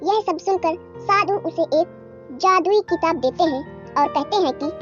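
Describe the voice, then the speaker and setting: A woman narrates a children's tale a little slowly, her voice extremely high. The somewhat dull recording has soft music running beneath it.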